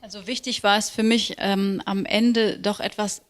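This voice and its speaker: A woman's voice: medium pitch, steady tone, moderate pace. A woman working as an interpreter, translating with frequent fillers. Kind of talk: consecutive interpreting.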